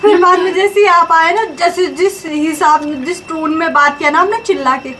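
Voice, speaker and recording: Very high-voiced young Pahadi woman. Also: steady tone, normal speed, fairly bright tone, slight background noise. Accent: Uttarakhand Pahadi. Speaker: vlogger's wife. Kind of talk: casual family chat.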